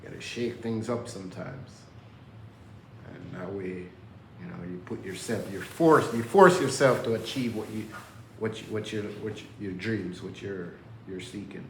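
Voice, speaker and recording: A man's voice: lowish voice, moderate pace, creaky, fairly bright tone, slight background noise. A man from Jamaica talking casually to camera in a loose, rambling way, from an indoor workplace under renovation. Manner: loose, rambling, preachy self-motivation talk. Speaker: vlogger. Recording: echoey room with faint ambience.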